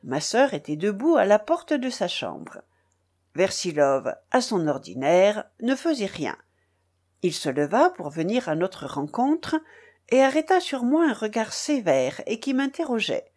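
A woman reading a classic novel aloud, expressive and measured. Her pitch sits in the middle, but it rises and falls widely through each sentence. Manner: expressive storytelling. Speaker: audiobook reader. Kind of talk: literary narration.

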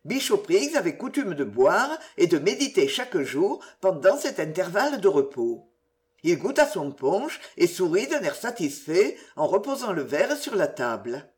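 An audiobook reader telling a classic novel with very lively, animated intonation. The pitch sits in a middle range and the reading is expressive and measured. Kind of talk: literary narration.

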